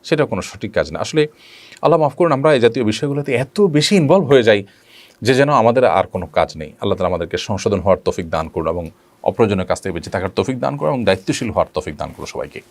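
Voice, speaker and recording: A man, an Islamic scholar, answering viewers' questions in a measured, explanatory way with frequent drawn-out pauses. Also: lowish voice, expressive, no room sound. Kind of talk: religious Q&A talk.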